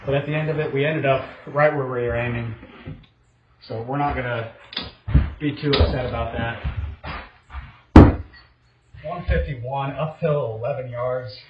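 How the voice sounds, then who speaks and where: A man, middle-aged, giving casual, low-key and self-critical golf commentary on his own play in an indoor simulator room. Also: steady tone, unhurried, long pauses. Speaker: golfer narrating his own simulator round. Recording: roomy echo, slight noise, dull sound.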